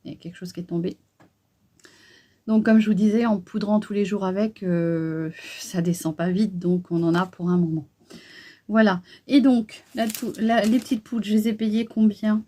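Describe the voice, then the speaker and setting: A woman's voice: medium pitch, little pitch movement, moderate pace, warm tone. A middle-aged woman chatting casually through a beauty haul, hesitant and full of fillers. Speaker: beauty vlogger.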